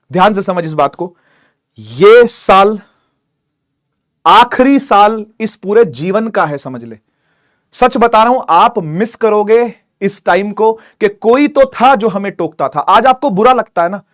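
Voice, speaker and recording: High-voiced animated male teacher. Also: no echo, clean studio sound. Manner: animated, preachy, scolding yet friendly. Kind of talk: motivational talk to students. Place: online class recording.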